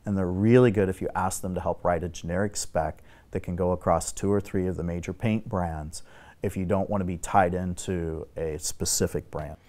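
A middle-aged man with a fairly low voice walks through building repair, point by point, in a steady, technical tone. He talks as a guest on a studio talk show set. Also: normal speed. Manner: steady, technical, instructive explaining. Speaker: exterior building expert guest. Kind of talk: explanatory talk show conversation.

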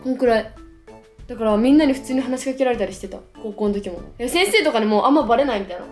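A woman's voice: fairly high pitch, racing. Slangy young woman chatting in echoey room. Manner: chatty slangy young woman, lively storytelling with playful exaggeration. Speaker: vlogger. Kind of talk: casual chat to camera. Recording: echoey room with faint music. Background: faint background music.

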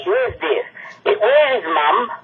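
A woman's voice: mid-range voice, very animated, takes it slowly, phone-quality sound, heavy background noise. An older woman leaving polite, slightly hesitant messages over a landline phone onto an answering machine. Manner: polite, chatty, a little hesitant and repetitive.

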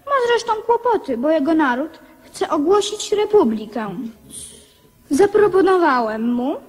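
A young boy king speaks in a high voice with animated intonation. He is earnest and resolute, making solemn declarations in radio drama style. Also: unhurried. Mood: formal, composed.

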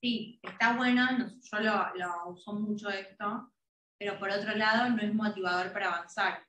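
A woman's voice: mid-range voice, steady tone, moderate pace, a bit bright, a little hiss or hum. A woman student, asking questions in class in a thoughtful, hesitant way. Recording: echoey room, voice from a distance.

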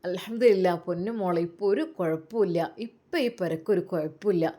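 Woman playing a humble old father, calm, soothing, a bit lower voice, storybook tale. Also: a little fast, lightly acted. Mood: content. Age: older.

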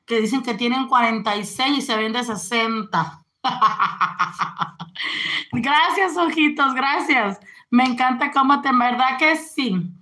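A woman's voice: a little high, slow, long pauses, bright, forceful tone. A woman, chatting casually on a live stream and greeting viewers. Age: 40s.

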